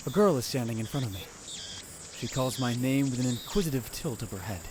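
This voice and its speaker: A man voicing a dramatic young self-styled mad scientist, narrating in the first person in a hushed, grave, theatrical way. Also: medium pitch, lively intonation, a little fast, noisy background, lightly acted. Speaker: narrator and lead in fan dub. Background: music.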